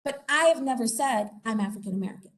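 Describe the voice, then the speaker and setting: Her voice is slightly high, animated, and fast as she presents information in a conversational style, leaning on frequent fillers and tag questions. She's a Puerto Rican investigator speaking in a meeting or conference room.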